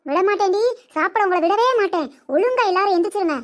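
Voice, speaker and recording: A woman's voice: very high voice, fast talker. A woman voicing a scolding, nagging older mother-in-law in a cartoon comedy.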